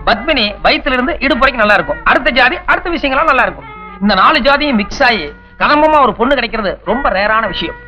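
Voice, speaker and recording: A man's voice: very high voice, highs cut off. An actor playing a pompous young bachelor who boastfully lectures his friends, in a comic film scene. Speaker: bachelor hero Madan.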